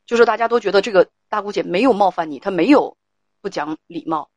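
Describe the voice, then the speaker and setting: Running a livestreamed advice show, a female host takes a firm line on a caller's family dispute, cutting in over the caller to direct her. She talks fast in a medium-pitched, slightly mellow voice, with no echo in the recording.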